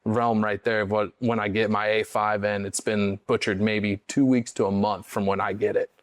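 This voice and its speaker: Laid-back, slangy young chef. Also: male voice, fairly low pitch, level tone, moderate pace, no echo. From St. Louis, United States. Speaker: executive chef, guest. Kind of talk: casual podcast interview.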